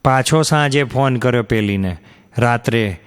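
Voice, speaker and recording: On a live comedy stage before an audience, a stand-up comedian tells stories and acts out the people in his jokes, shifting his pitch for each quoted character. His voice is clear and resonant at a normal speed, and the recording carries hall reverb from the stage.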